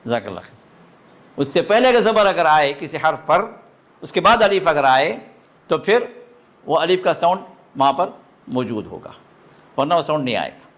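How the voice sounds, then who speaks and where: A man teaching a live recitation class to students, sounding out throat letters and asking often if the point is clear. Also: fairly high pitch, big pitch swings, pauses often, a bit bright. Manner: demonstrates throat sounds, asks learners to confirm understanding. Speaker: religious teacher.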